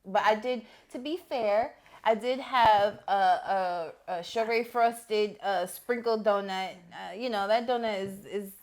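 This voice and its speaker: A woman's voice: medium pitch, unhurried, darkish tone. A woman from New York, co-hosting a casual food vlog, chatty and laughing often as she tells a story. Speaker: co-host. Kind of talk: casual chat.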